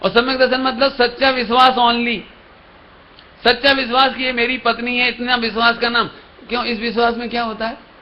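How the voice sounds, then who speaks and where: High-voiced man preaching a story sermon. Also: level tone, fairly quick. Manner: storytelling, acts out characters' dialogue, asks the audience questions. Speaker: Jain preacher. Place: lecture hall at a religious camp. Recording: dull live stream audio with faint hiss.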